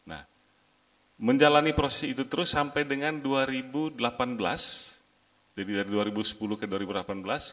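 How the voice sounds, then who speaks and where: A young man from Indonesia shares his story on a discussion panel. His voice sits a little low, and he talks in a relaxed, chatty way, with many hesitations and fillers. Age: young adult. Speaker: company director. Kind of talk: panel talk sharing experience.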